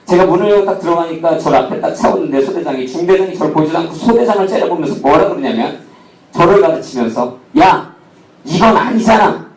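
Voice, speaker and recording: A male pastor with a high-pitched voice preaches to his congregation, asking them questions and telling a story with humor. He is recorded from a distance in a reverberant church hall, with faint ambient noise underneath. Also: lively intonation, fast, a little mellow. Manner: asks the congregation rhetorical questions; tells a humorous personal story. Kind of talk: sermon. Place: church sanctuary. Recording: echoey hall, mic at a distance.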